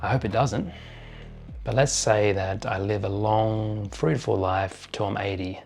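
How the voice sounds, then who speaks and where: Man, forties, low gravelly voice, reflective vlog monologue over clear background music. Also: steady tone, darkish tone. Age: 40s. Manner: slow, thoughtful, pausing often. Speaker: vlogger.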